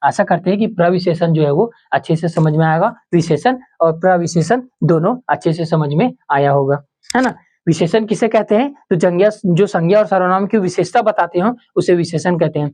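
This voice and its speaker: The speaker is a man whose voice has a darkish tone, preparing students for an exam with a Hindi grammar lesson. He answers his own questions, repeats each example, and lets his voice slow and sink on key terms.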